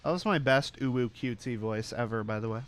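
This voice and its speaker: A male streamer chats casually during a gaming stream, his medium-pitched voice smooth and quick. He rants, swears, and cracks jokes at his own expense.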